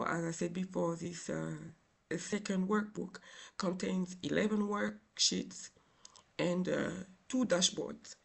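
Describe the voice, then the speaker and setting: A man with a tearful, crying voice giving an informal software tutorial in a halting, hesitant way with many filled pauses. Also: sits high, gravelly. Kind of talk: informal screen tutorial narration.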